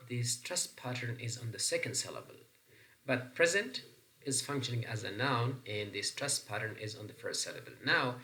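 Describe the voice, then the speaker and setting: A man with an Afghan accent gives a recorded English lesson in a bright, forceful voice at a middle pitch. He explains patiently and step by step, often pausing on fillers and restarting his sentences. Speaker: English teacher.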